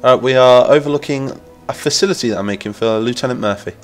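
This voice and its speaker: This Lincolnshire-born Englishman speaks fast at medium pitch with soft music in the background. Nasal from a cold, he keeps up chatty, rambling, enthusiastic live-stream talk while gaming, reading the chat as he goes.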